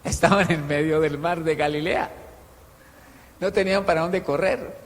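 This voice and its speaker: High-voiced pastor preaching in an echoing hall. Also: male voice, moderate pace. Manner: animated, swings between loud and quiet; tells stories with humor. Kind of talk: sermon. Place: church hall with a congregation. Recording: long hall reverb.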